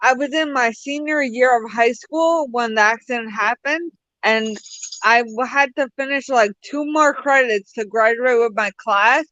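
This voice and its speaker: Young woman from the US, interview guest, halting delivery, dry lo-fi video-call sound. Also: a little high, bright, forceful tone, no echo. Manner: halting, many restarts and fillers. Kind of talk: personal story in an interview. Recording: dull lo-fi call audio.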